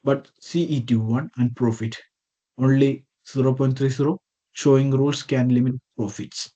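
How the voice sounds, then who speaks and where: A man's voice: mid-range voice, level tone, moderate pace, warm tone, muffled recording. A man reading a prepared slide presentation over a video call. He reads from a script with small slips and self-corrections. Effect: heard over a video call.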